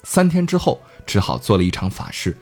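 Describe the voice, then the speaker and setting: A man hosting a podcast, telling a folk tale in a chatty, animated way. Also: fairly low pitch, fairly quick, gravelly, soft background music. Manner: chatty, animated, laughing asides. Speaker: podcast host. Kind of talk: casual storytelling.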